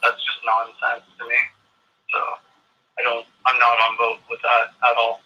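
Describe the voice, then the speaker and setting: Sex: man. Role: caller. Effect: phone speaker. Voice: bright, husky, flat. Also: medium pitch, moderate pace, muffled recording. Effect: heard over a phone on speakerphone. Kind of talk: casual chat.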